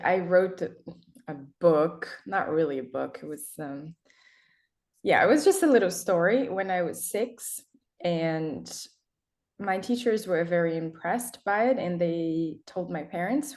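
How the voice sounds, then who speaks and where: This guest, an erotic writer from Brazil and a native Portuguese speaker, has a lower, darkish voice. Chatting casually in an interview, she laughs a lot and frequently restarts sentences or uses fillers.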